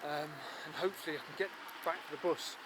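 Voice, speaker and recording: A man's voice: on the high side, fairly even intonation, quick pace, noisy background. A man chatting as he walks a muddy misty countryside route, grumbling about the weather. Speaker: travel vlogger. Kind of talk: walking tour commentary. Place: outdoors on muddy fields in mist.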